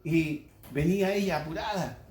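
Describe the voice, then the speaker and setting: A man's voice: on the high side, moderate pace, darkish tone, echoey room, a little hiss or hum, low-quality recording. A man preaching a sermon to his congregation in a folksy way, mixing jokes into the message and speaking straight to his listeners. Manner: folksy, joking, addresses the congregation directly. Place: church congregation.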